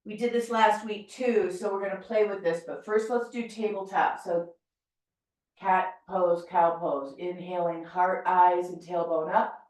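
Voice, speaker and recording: A middle-aged American woman leading a yoga class, calmly and gently cueing breath and movement. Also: on the low side, unhurried. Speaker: yoga teacher. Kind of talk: guided yoga class instruction. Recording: very echoey room, voice from far off.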